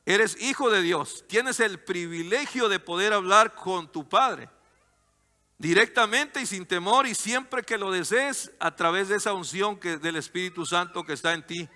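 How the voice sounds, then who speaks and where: A male pastor preaches with fervent, emphatic conviction, at times dropping into a soft, tender register. His voice sits high and sounds sharp and very bright. It rings out with the long reverb of a church hall. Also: clear, resonant tone. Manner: fervent, rising to loud emphatic cries; turns soft and tender in story parts. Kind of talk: sermon.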